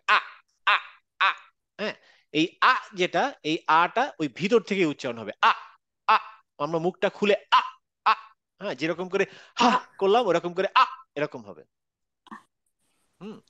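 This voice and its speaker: A man with a Bangladeshi Bengali accent leads an online recitation class. He speaks patiently and demonstrates each sound by repeating it, in a slightly high voice. The sound is dry and close, as on a video call. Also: fairly bright tone, no echo. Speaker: Quran recitation teacher. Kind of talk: online class teaching pronunciation.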